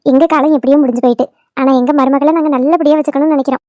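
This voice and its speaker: A woman's voice: high-pitched, steady tone, racing, over loud music, close to an everyday voice. Woman doing a fussy mother-in-law. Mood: boastful. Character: fussy, talkative middle-aged village mother-in-law. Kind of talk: cartoon voice acting.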